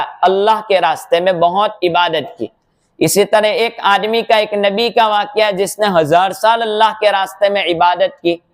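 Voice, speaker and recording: In a high-sitting male voice, a mufti gives a mosque sermon, working through each point step by step, posing rhetorical questions and quoting sayings.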